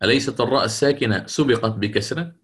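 Male recitation teacher, measured classroom delivery, repeats points for emphasis, mid pitch. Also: animated, a bit bright. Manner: deliberate, repeats key points. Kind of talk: classroom lecture.

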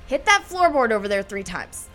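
A woman's voice: on the high side, sing-song, normal speed, sharp tone, faint music behind. A woman playing a tough, commanding, foul-mouthed survivor leader, blunt and sardonic, in an audio drama. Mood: urgent, commanding.

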